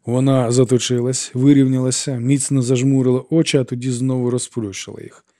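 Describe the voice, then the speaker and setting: A man narrating an audiobook in an even, measured storytelling voice. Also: mid-range voice, no echo, clean studio sound.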